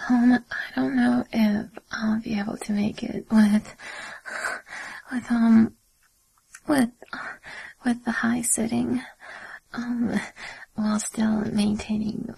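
A young adult woman speaking in a soft, breathy whisper, recording an intimate personal audio. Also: fairly high pitch, dry recording, low-quality recording. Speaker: audio creator.

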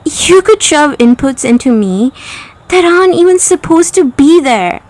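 A prim, flustered autocorrect program, high and unhurried in its delivery, as a woman plays it. Its talk swings between coy and pleading, always melodramatic, as in a comic parody sketch. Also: expressive, darkish tone. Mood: coy protest. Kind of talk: comedic parody monologue.

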